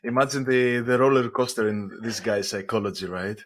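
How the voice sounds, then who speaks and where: Male host, mid pitch, relaxed round-table chat, laughs easily. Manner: laughing, chatty, quick to react. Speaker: podcast host. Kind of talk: casual podcast chat.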